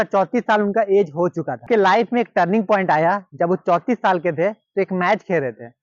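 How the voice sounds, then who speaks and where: A man's voice: sits high, no room sound, muffled recording. A man with a Hindi-speaking Indian accent telling a cricketer's story in a casual, repetitive, conversational way, acting out the quoted lines.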